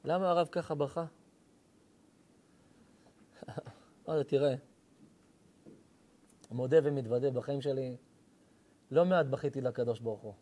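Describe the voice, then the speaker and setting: A man in his forties, a rabbi preaching an emotional sermon, swinging from quiet confession to pleading cries. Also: medium pitch, pauses often. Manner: impassioned, rising to pleading cries.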